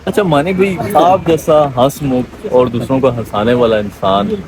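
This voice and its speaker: A man's voice: mid-range voice, moderate pace, crowd noise, rough recording. A man hosting a vlog, interviewing a guest with eager, long, rambling questions and friendly forms of address. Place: outdoors at night on a city street. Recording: street noise behind.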